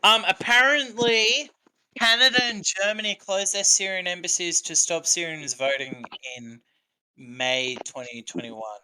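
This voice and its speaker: Bright-voiced rambling Australian man. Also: sits high, a little slow, clear, resonant tone, low-quality recording. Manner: rambling, hesitant, swears freely. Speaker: podcast host. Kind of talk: casual podcast chat.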